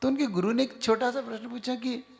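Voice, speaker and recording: A man's voice: very high voice, fairly even intonation, a little fast, creaky. A man, a monk, giving a conversational sermon and putting questions to his audience. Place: large hall with an audience. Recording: reverberant hall.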